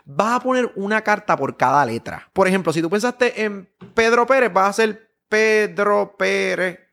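A man's voice: sits high, expressive, normal speed, vocal fry, fairly bright tone. A man performing a card trick, coaxing and playful as he talks his audience through it. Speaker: magician.

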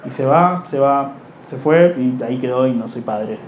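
A young man with a Rioplatense Spanish accent tells a long stand-up comedy story, rambling, mocking himself, and slipping into quoted voices. His voice sits in the mid range at a moderate pace, with a little hiss or hum on the audio.

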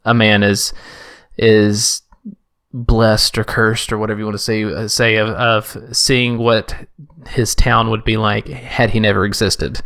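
Male podcast co-host, gravelly low voice, casual rambling chat full of restarts. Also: flat delivery, a bit bright. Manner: rambling, halting, many restarts.

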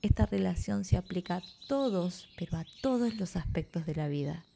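A woman reading the lines of a gentle, patient father teaching his son, explaining in a soft, sermon-like way. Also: on the low side, animated, moderate pace, gravelly, a little hiss or hum.

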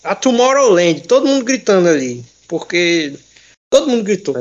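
High-voiced man telling a story. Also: moderate pace, highs cut off. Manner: animated storyteller, jokey, slangy. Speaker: friend recounting a film. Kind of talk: casual chat.

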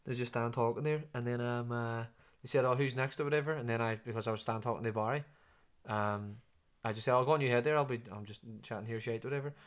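A man's voice: mid-range voice, fairly even intonation, quick pace. A man with a Derry accent telling a rambling anecdote in casual chat, swearing freely. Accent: Derry, Northern Irish. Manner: swears often, rambling, restarts a lot.

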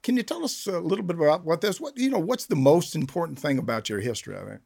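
Jovial, gravelly older army man hosting. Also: on the high side, lively intonation, fast talker. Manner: jovial, chuckling, gung-ho army talk with hooah shouts. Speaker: podcast host, retired army senior enlisted leader. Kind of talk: podcast hosting, casual interview.

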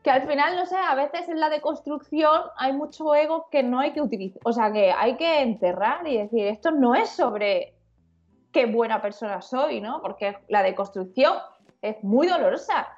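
A woman guest on a podcast interview, talking in an animated, slangy and frank way. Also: high voice, normal speed, dull audio, faint music behind. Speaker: guest illustrator. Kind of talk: conversational interview.

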